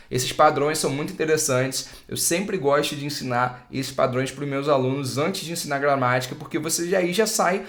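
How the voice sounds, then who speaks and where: A Brazilian man teaching an English lesson casually, relaxed, repeating and demonstrating words slowly. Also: medium pitch. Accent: Brazilian Portuguese. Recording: roomy echo.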